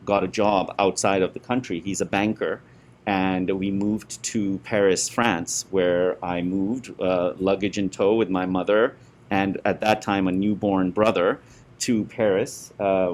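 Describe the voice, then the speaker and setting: A middle-aged man from India, a guest being interviewed, talking warmly with many fillers and restarts. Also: low voice. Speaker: guest, school parent and former board member. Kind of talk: conversational interview.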